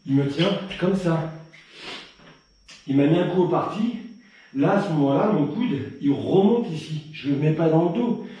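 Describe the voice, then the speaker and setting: A man teaching a live self-defense class, counting out strikes loudly and pushing the pace, then explaining techniques in a relaxed way. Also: fairly high pitch, a little slow, heavy reverb, far from the mic, poor audio. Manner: relaxed explaining between drills. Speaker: Krav Maga instructor.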